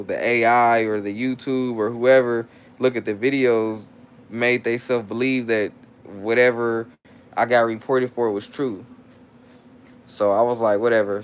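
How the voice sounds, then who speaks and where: A young man chats loosely on a livestream, reading viewers' comments aloud and answering in rambling slang, restarting his sentences often. His voice is medium-pitched and clean.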